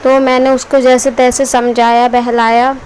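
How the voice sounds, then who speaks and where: A woman's voice: on the high side, level tone, normal speed, a little mellow. A young woman narrating a casual daily vlog. She talks straight to her viewers in a worried way. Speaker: vlogger. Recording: noisy background.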